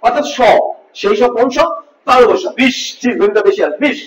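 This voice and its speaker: A man teaching grammar in a classroom style, repeating sample words slowly and quizzing his listeners. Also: sits high, recorded from a distance, highs cut off. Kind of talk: classroom-style lesson with board writing. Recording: echoey room miked from afar, faint hiss.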